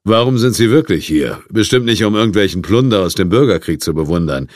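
A jittery, stammering scruffy drifter, as a male audiobook narrator puts him on, his voice pushed up higher and louder than the narrator's own. He hesitates constantly and fumbles his words, and the recording is close and dry. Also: expressive, a little fast, no echo, close to an everyday voice. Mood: nervous. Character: nervous scruffy middle-aged man, hesitant drifter. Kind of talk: audiobook character voice.

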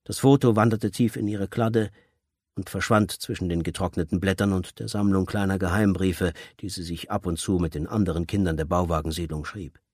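A man reading a novel aloud as narrator, in measured, even storytelling. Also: deep voice, slightly rough, dry recording, studio quality. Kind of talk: scripted audiobook narration.

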